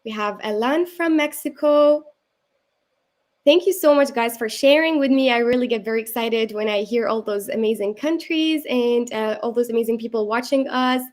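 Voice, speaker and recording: A young woman from Syria with a notably high voice hosts a live stream. She sounds upbeat and welcoming, and often fills her pauses with "um" and "uh". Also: darkish tone. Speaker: livestream host.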